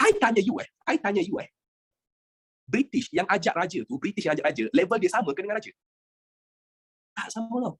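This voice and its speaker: A history teacher with a Malaysian accent gives an animated lesson, firing rhetorical questions at students and mixing in English phrases. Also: medium pitch, normal speed, long pauses, slightly rough.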